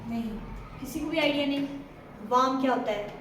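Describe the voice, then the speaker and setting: A woman's voice: high-pitched, fairly quick. A woman teaching a Hindi class, quizzing her students and drilling their answers. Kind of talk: classroom lecture. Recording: echoey room, far from mic, noisy.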